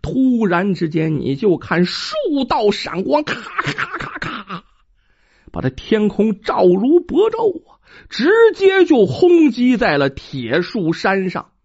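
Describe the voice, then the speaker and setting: A storyteller telling a folk tale in a lively, dramatic manner, with spoken sound effects, on a dull lo-fi recording. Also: mid-range voice, takes it slowly, gravelly, breathy edge. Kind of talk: traditional oral storytelling.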